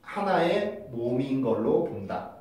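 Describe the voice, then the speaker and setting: A man's voice: medium pitch, very animated, a little slow, a little mellow. A man teaching English pronunciation in a casual video lesson, explaining patiently and moving between polite and casual speech. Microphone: phone camera with a mic on it. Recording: very echoey room, mic at a distance.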